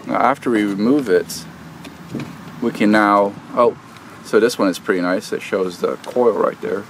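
Low-voiced man explaining a repair. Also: measured pace, background noise. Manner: hesitant, many "uh" and "um" fillers, explains step by step while working. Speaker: DIY video host. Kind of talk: casual how-to explanation. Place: outdoors at an air conditioner unit.

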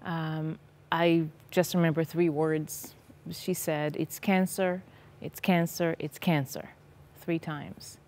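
Sitting low and level in tone, this woman's darkish voice moves slowly with few pauses. A Hebrew-speaking guest from Israel, she shares her personal story in a TV studio interview, earnest yet hesitant and full of ums, recorded on a lapel microphone.

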